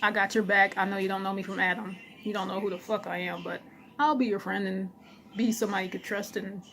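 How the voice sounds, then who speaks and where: A woman vlogs straight to her camera in a casual, blunt way. She speaks at an ordinary middle pitch and gives frank encouragement, stopping now and then to chew. A light room hiss sits under her voice. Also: fairly even intonation, fast, a bit bright, low-quality recording. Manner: blunt, encouraging, eats while talking. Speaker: vlogger.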